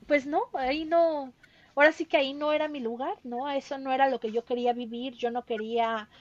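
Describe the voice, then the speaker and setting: A woman's voice: a little high, no room sound, dull audio. A Mexican woman in her thirties, a guest telling her travel story in a casual interview, with many fillers and tag questions.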